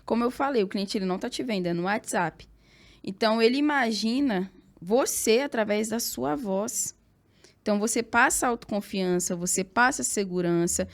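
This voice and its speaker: A woman's voice: mid-range voice, moderate pace. A woman with a Brazilian accent, a podcast guest giving direct, emphatic advice. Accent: Brazilian Portuguese. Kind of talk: casual podcast chat.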